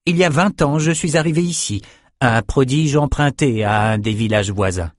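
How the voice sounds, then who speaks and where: A man's voice: medium pitch, moderate pace, no room sound, pitched above the performer's own voice, natural voice. A male reader voicing a young chief archivist in his thirties who speaks dryly and curtly. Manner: dry, curt.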